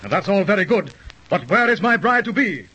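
A man's voice: high-pitched, very animated, moderate pace, pushed and bright, slightly rough, full character voice, rough recording. A man playing an anxious, impatient bridegroom in an old radio drama. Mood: impatient, questioning.

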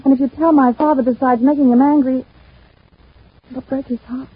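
A woman's voice: high voice, fairly even intonation, normal speed, breathy edge, no echo. An actress playing an anxious, pleading young woman in an old radio drama. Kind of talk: 1950s radio drama acting. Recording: tinny old radio recording.

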